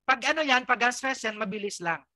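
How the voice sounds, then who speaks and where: Filipino lady teacher doing an online review, bright voice, dry close mic, lots of um and ano. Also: on the high side, expressive, a little fast, no room sound. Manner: explains casually with many fillers and restarts, checks understanding. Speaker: English exam review teacher. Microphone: close mic, online class.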